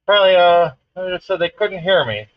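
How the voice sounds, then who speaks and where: A man casually explaining his woodturning steps while he works, in a relaxed, halting way. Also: high-pitched, no echo, highs cut off. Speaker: woodturner streaming a demonstration. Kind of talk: casual live-stream commentary.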